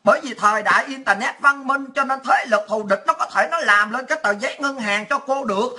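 A woman's voice: a little high, fairly quick, bright, forceful tone. A woman mimicking a corrupt, bullying judge who scolds and mocks a depositor. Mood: scolding, mocking. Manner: accusing, mocking.

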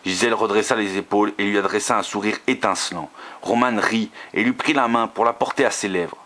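A man reading a romance novel aloud, steady, with occasional slips and restarts. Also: lowish voice, a little fast.

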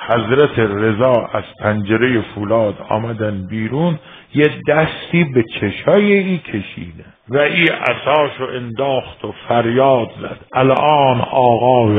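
A man from Iran delivers a religious sermon, telling a story in an emotive way that shifts from hushed to fervent. His voice sits at a middling pitch for a man. The recording sounds thin and tinny, like a phone line. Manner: emotive, swings from quiet to crying out. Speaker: preacher.

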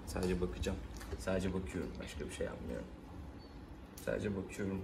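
A man working as a veterinarian, talking gently and coaxingly to a nervous dog during a clinic visit. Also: brisk, gravelly. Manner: soothing, coaxing, lively pitch. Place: veterinary clinic exam room. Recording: echoey room, distant mic, noise.

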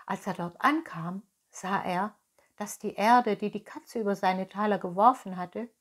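Slow, gentle woman reading a storybook. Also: mid-range voice. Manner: calm, soft and expressive, with asides to listeners. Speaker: storyteller, children's story host. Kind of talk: reading a children's book aloud.

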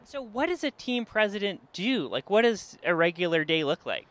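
Upbeat high-voiced man hosting on location. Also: sing-song, fairly bright tone. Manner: upbeat, playful, quick questions. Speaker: host. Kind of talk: casual on-location interview. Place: outdoor stadium and indoor offices. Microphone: handheld mic.

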